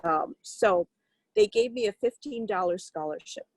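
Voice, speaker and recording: A woman's voice: medium pitch, animated, a little slow, no room sound, low-quality recording. An older woman from Turkey, a violinist, telling her life story in an interview in a reflective way, with frequent fillers and restarts. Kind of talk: conversational interview.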